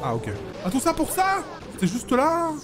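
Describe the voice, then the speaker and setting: A man's voice: very high-pitched, normal speed. A man giving casual, joking gameplay commentary as a let's play host, swearing freely. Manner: animated, jokey, swears freely. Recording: loud game music behind.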